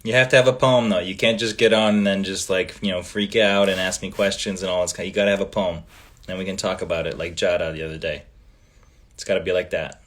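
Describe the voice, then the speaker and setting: This livestream host, a Canadian whose first language is Italian, has a low-pitched voice. He goes through fan comments aloud in an easygoing way, with plenty of ums and pauses that trail off.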